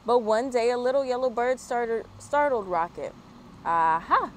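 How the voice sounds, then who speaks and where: An expressive American woman reads to children outdoors in a yard as a story time host, mixing the read-aloud with friendly chat. Her voice is fairly high and moderately paced. On her small external mic, background noise from street work, traffic and the outdoors is audible.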